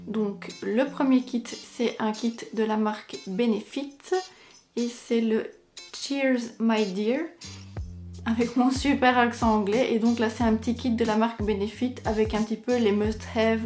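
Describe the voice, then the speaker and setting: A woman's voice: a little high, a little mellow. A young woman, chatting casually as a beauty vlogger and filling her talk with little fillers. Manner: chatty, many fillers like "donc" and "ben". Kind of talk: casual chat.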